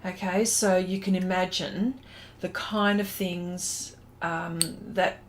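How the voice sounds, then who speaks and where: A middle-aged Australian woman, an artist hosting a livestream, chats casually as she reads out viewer comments and answers them, rambling and trailing off. Her voice sits on the low side with fairly even intonation and a slow pace, over slight background noise.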